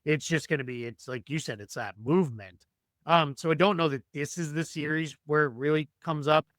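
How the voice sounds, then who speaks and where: A man's voice: on the high side, brisk, fairly bright tone, dry recording. A man losing his voice, talking through basketball analysis as a podcast guest, thinking aloud with many restarts and ums.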